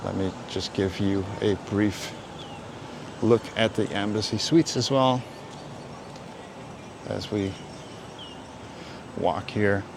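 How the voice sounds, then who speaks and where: Walking along a road outdoors, an Aruban vlog host rambles in a hesitant, conversational way. His voice is on the low side and steady in tone, and he speaks slowly with frequent pauses. Traffic and street noise come through clearly on the recording.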